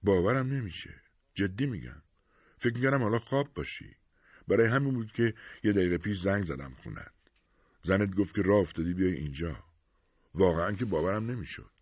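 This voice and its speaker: A man doing a relaxed friendly hunting buddy. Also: low voice, slightly rough, dry recording, muffled recording. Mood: easygoing. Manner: relaxed, reassuring.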